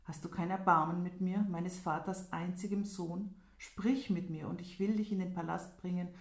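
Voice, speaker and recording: A woman's voice: on the low side, fairly even intonation, moderate pace, natural voice. A woman voicing a young prince, desperately in love and pleading in a fairy tale. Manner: pleading, impassioned. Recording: roomy echo.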